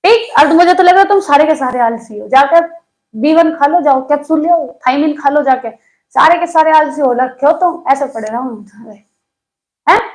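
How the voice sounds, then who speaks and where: A woman's voice: high voice, normal speed. A young woman teaching an online exam-prep lesson in a chatty way, teasing her students with jokes.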